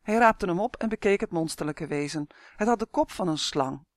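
Calm storybook narrator, dry recording. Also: mid-range voice, brisk, dry recording. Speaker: audiobook reader. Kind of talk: scripted narration.

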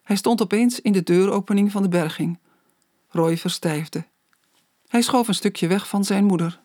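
An audiobook narrator reading a children's story aloud in a slow, measured way. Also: medium pitch, warm tone, dry recording, clean studio sound.

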